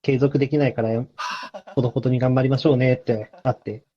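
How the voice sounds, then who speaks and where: A man chatting casually in a relaxed, offhand way. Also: medium pitch, fast. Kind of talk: casual chat. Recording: dull lo-fi sound.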